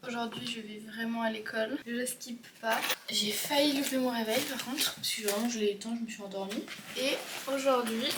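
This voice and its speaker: Brief: young woman, 20, casual vlogger, slightly high voice, rambling and filler-heavy, faint background hiss. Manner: chatty, rambling, many fillers like genre and euh. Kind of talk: casual vlog chat to camera. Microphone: handheld compact camera mic.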